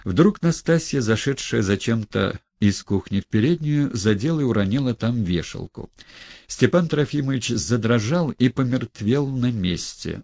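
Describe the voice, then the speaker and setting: Gravelly male audiobook narrator. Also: mid-range voice, dry recording. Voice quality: expressive, dramatic reading. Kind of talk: literary audiobook reading.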